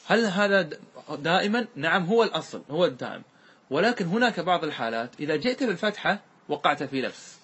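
Teaching classical grammar, the male sheikh speaks a little high in a sing-song, slightly bright, slightly rough voice. He builds his explanation in steps, checks frequently on his listeners, and lingers slowly over each example word he recites.

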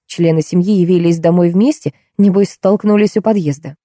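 Mellow-voiced woman reading an audiobook. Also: lowish voice, fairly quick, no room sound, clean studio sound. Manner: expressive, animated reading. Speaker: audiobook narrator. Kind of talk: first-person audiobook narration.

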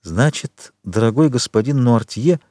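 A man's voice: mid-range voice, lively intonation, unhurried, darkish tone, no room sound, studio quality, lightly acted. A man reading an audiobook, voicing a scheming noblewoman with an ingratiating manner. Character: scheming noblewoman, falsely sweet.

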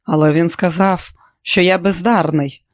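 A guilty woman confesses softly and apologetically, as the reader of the audiobook puts her on. The recording is dry and close. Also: mid-range voice, steady tone, a little slow, no echo, close to an everyday voice. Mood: hushed. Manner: hushed, apologetic.

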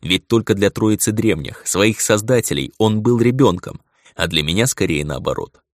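Deep-voiced man narrating an audiobook. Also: moderate pace, dry recording, clean studio sound. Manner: dramatic, expressive reading. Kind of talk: first-person audiobook narration.

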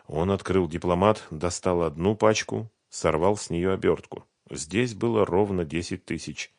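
A man reading a crime thriller audiobook in a steady, even storytelling manner. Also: deep voice, dry recording, clean studio sound. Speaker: audiobook narrator. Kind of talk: scripted narration.

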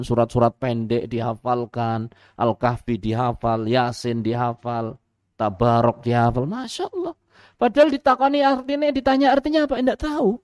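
A man teaches a study lecture in a mosque. His pitch rises and falls freely as he asks rhetorical questions and makes quick asides. The sound is close and dry. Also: darkish tone, no echo. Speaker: religious teacher.

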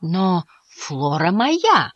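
A woman's voice: mid-range voice, lively intonation, brisk, a bit bright, dry recording, lo-fi sound. A woman voicing a grumpy old male mouse who grumbles and complains in a storybook. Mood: complaining.

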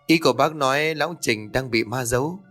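A man's voice: mid-range voice, a little fast, a bit bright, soft background music, lightly acted. A man voicing a nervous young village man who asks anxious questions in a narrated horror story.

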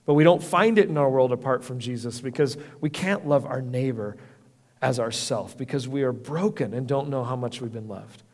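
A middle-aged man delivers a sermon in a plain, conversational way, earnest and prone to restarting his sentences. His voice sits at an ordinary middle pitch. A long reverb from the church hall trails after each phrase. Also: normal speed, darkish tone. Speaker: pastor.

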